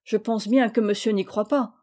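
A woman's voice: fairly high pitch, fairly even intonation, moderate pace, warm tone, lightly acted. A woman reading aloud and voicing a complaining household nanny in a storybook, speaking indignantly.

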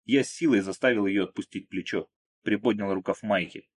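A man's voice: fairly low pitch, fairly quick. A man narrating an audiobook in the first person. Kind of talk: audiobook reading.

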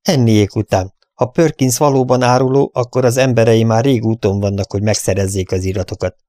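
A man's voice: medium pitch, steady tone, dark tone, no echo, studio quality, close to an everyday voice. A man voicing a determined young frontier rider in an audiobook, speaking urgently and resolutely. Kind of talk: audiobook character voice.

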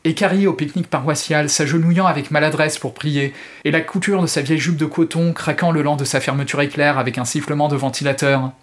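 A male podcast host reading a passage from a novel aloud in a steady, measured way. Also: on the high side.

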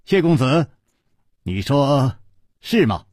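A man voicing a charming, amused martial hero who teases with slow, knowing lines. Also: medium pitch, very animated, a little mellow, no room sound, clean studio sound, voice pushed up. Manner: smooth, teasing, laughing. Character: suave, amused swordsman hero, man in prime.

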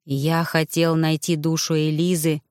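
A woman voicing the ghost of an old man, a medium, who speaks hoarsely in a slow, shaken way. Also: low voice, completely flat delivery, darkish tone, no room sound, clean studio sound. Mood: haunted. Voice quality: hoarse, wheezy.

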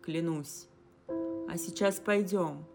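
A woman narrator plays a devoted male adviser, speaking firmly and tenderly to his wife. Her voice stays low and unhurried. Music plays clearly behind. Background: instrumental music.

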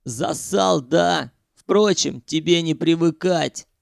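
A male narrator voicing a rough, hot-headed man who hunts in the sewers, talking coarsely and mockingly and swearing freely. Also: fairly high pitch, takes it slowly, dry recording, clean studio sound, heavily acted. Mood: scornful.

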